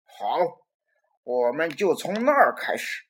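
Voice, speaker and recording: A storyteller voicing a loud red monster. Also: mid-range voice, sing-song, slow, slightly rough, full character voice. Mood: brash. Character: boisterous red monster bursting from a boy's mouth.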